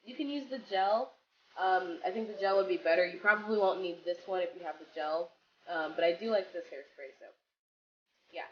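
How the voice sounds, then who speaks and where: A young beauty vlogger, congested from a cold, rambles chattily through a hair tutorial, packing her talk with fillers. Her voice is on the low side and fairly quick, and the dull lo-fi recording carries background music plus a little hiss or hum.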